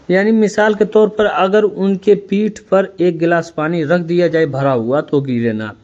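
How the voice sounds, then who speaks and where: A man with a slightly high voice teaches prayer one step at a time. He explains in plain words and recites the Arabic prayers slowly. The recording sounds dull and lo-fi. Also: a little mellow. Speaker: religious instructor. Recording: dull lo-fi audio.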